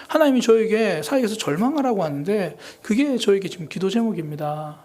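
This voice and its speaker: Lively earnest woman preaching a sermon. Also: fairly low pitch. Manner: earnest, confessional, acts out her own prayers. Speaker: pastor. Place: church sanctuary during a live Sunday service.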